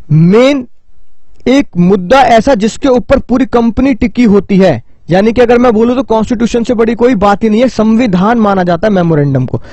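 High-voiced Indian male lecturer, lively. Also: dry recording. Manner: lively, repeats key points and asks rhetorical questions. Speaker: teacher. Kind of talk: recorded lecture.

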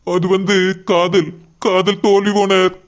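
A man's voice: high-pitched, flat delivery, a little slow, dull audio. A man voicing a polite, lovesick young man in a cartoon. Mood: mopey. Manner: polite, addresses elders respectfully. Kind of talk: cartoon voice acting.

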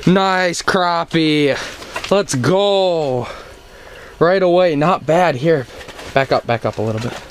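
A man's voice: a little high, slow. Young guy on an action cam in an ice shelter, cheering short lines, bit of background hiss. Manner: coaching, upbeat, repeats short cheers. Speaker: outdoors channel host. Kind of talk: casual fishing vlog. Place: small ice fishing shelter on a frozen lake. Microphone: action camera.

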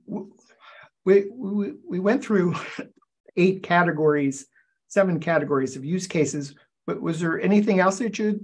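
An older man hosting an interview over a video call, asking questions in a halting way and repeating words as he forms them. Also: on the high side. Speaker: interview host.

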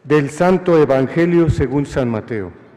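A man's voice: on the high side, lively intonation, measured pace, dark tone. A man, a priest, reading the Gospel at Mass in a solemn liturgical style. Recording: long church hall reverb.

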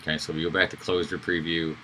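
A man giving a casual screen-recorded software tutorial, talking loosely with fillers and self-corrections. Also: sits low, little pitch movement, quick pace, a little hiss or hum, rough recording. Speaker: instructor.

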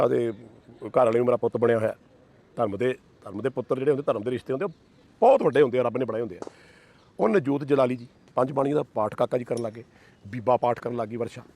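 A middle-aged man speaks in a mid-pitched voice as an interview guest sharing a heartfelt testimony. He talks quickly and fervently, repeating devotional phrases in long chains. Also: a little mellow. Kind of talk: emotional personal testimony.

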